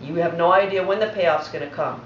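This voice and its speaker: Speaking briskly in a fairly low voice, a female dog trainer leads an instructional demonstration in a patient, methodical way. A little hiss or hum runs under the audio, which sounds roomy, distant and dull.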